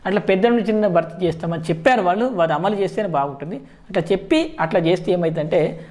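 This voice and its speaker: A man's voice: high-pitched, expressive, fast talker, darkish tone. A man with a Telangana Telugu accent explaining things informally to viewers, mixing in frequent English words. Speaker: job-exam advice video host.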